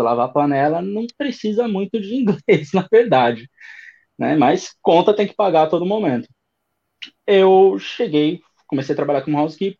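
A man in his thirties with a São Paulo accent, telling his story as an interview guest in a relaxed, rambling way. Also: fairly high pitch, dull audio. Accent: São Paulo Brazilian Portuguese. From Brazil. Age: 30s. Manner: relaxed storytelling with many fillers. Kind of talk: casual interview chat.

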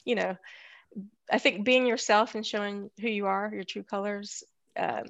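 A woman's voice: medium pitch, fairly even intonation, moderate pace, creaky, dry recording, highs cut off. A woman speaking as a podcast guest about her career in architecture, thoughtful and full of fillers. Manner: thoughtful, many fillers and restarts. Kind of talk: casual interview conversation.

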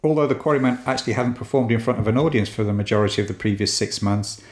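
A man hosting a podcast, reading a scripted history narration in a measured, even way. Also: on the low side, reverberant. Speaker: podcast host.

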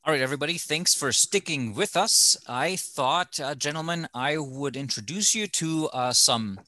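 A man's voice: on the high side, expressive, a little slow, sharp tone, faint music behind. A middle-aged man from Germany with a German accent, a TV host telling stories in a casual studio chat, with many fillers. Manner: storytelling, thoughtful with many fillers.

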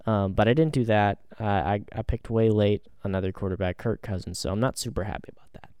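Laid-back man with a smooth, low voice. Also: quick pace, a little mellow, no room sound. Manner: easygoing, hedging with ums and repeats. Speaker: podcast co-host. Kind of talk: casual sports chat.

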